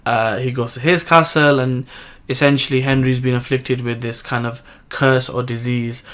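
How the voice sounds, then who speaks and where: Man, manga review host, casual recap, rambling, filler-heavy, mid-range pitch. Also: fairly even intonation, moderate pace, fairly bright tone. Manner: rambling, frequent fillers and self-corrections.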